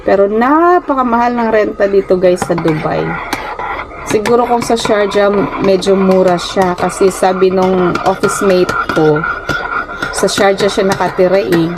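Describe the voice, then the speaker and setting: Her pace a bit slow and her pitch medium, a Philippine-raised woman vlogger makes casual, chatty conversation with viewers against a noisy background. She speaks with a Filipino accent, keeps saying "guys," and sometimes fumbles words, all from her small rented room.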